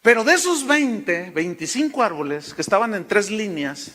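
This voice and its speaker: A Mexican-accented pastor preaching in a high, bright voice, telling homely stories and calling listeners "brother". His sermon rings through a long reverb in a church. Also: lively intonation, moderate pace. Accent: Mexican Spanish. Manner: folksy storytelling, addresses listeners as hermano.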